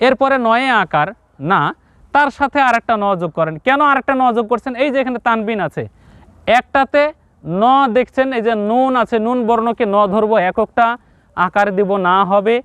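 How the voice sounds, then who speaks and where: High-voiced Bangladeshi male Quran teacher. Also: a bit bright, clear, resonant tone, dry recording. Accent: Bangladeshi Bengali. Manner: drills syllables slowly, asks and answers his own questions. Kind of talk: step-by-step recitation lesson to viewers.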